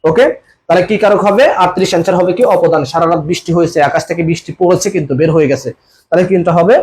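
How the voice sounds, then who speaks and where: Quick high-voiced male tutor. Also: fairly even intonation, darkish tone. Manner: repetitive, coaxing, repeats questions and urges comments. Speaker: admission coaching teacher. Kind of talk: live online exam-prep class.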